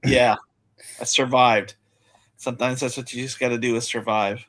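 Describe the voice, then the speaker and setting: Male betting-show host, relaxed and chatty, mid pitch. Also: moderate pace. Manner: relaxed, chatty, rattles off lists. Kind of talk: casual betting talk.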